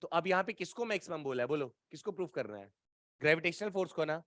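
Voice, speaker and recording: A man's voice: on the high side, expressive, fast, fairly bright tone, no room sound, studio quality. A man teaching a physics class live from Bihar, chatting and teasing his students as he quizzes them through problems. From Bihar, India.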